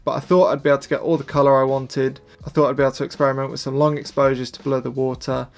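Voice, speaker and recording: A young man talks fast in a flat, mid-range voice, casually walking through his photo editing step by step while poking fun at himself. It's a laid-back mix of vlog and editing tutorial.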